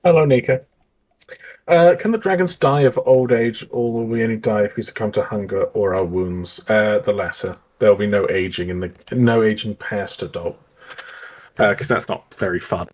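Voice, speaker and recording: A man's voice: lowish voice, moderate pace. A man streaming as a game developer, talking casually and hesitantly with many fillers, joking with his co-host. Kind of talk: casual livestream chat.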